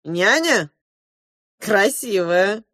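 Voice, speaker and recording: A woman's voice: medium pitch, animated, drawn-out words, fairly bright tone, dry recording, clean studio sound. A woman doing a barking police chief. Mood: leering. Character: rough shouting male police chief, blustering.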